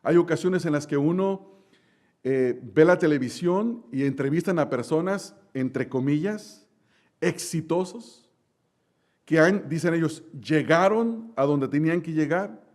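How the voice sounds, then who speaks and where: Preaching man with a slightly high voice. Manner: preaching with slow drawn-out emphasis and direct questions to the congregation; lively storytelling with sudden loud outbursts. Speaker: pastor. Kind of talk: sermon.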